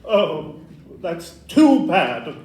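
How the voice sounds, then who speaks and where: Amiable, polite Victorian gentleman doctor for a male actor, high voice, echoey stage recording. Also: very animated, very slow, full character voice. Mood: mild, obliging. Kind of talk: stage audio-play acting. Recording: echoey room, distant mic, faint noise.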